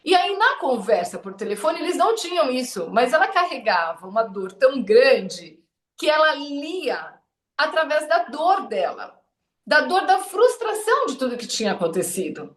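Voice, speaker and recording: Lively high-voiced woman podcast host. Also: moderate pace, reverberant. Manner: animated storytelling, acts out quoted voices. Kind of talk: casual chat.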